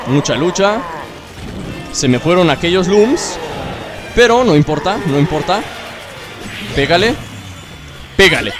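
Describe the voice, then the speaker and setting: Young Mexican gamer, high and animated, cracks jokes and yells at the game over its music. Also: male voice. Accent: Mexican Spanish. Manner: joking, excitable, chatters to the game, bursts into shouts. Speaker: gaming video host. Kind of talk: casual let's-play commentary.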